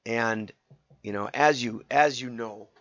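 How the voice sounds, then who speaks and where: An older man who has partly lost his voice, hosting a casual talk in a hoarse, rambling, wry way. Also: mid-range voice, slow, fairly bright tone. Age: older, 60s or above. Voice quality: hoarse, gravelly. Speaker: host and direct marketing consultant. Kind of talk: casual solo show talk with commentary. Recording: roomy, slightly dull lo-fi sound.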